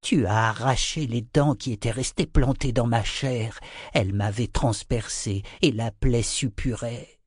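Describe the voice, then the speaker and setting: A man doing a hoarse uneasy red serpent. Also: mid-range voice, unhurried, no echo, studio quality. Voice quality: hoarse whisper.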